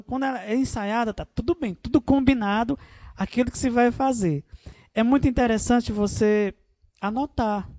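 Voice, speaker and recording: A woman leading a worship workshop in an informal, animated teaching style, often adding tag questions. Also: a little high, dry recording.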